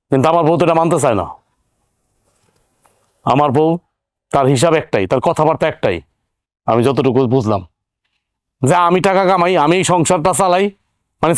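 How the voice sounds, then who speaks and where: A man's voice: fairly high pitch, smooth, no echo, lightly acted. An actor playing an argumentative young man who questions his family indignantly, speaking. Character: earning younger son, hot-headed and argumentative. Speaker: younger brother-in-law. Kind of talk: TV drama acting.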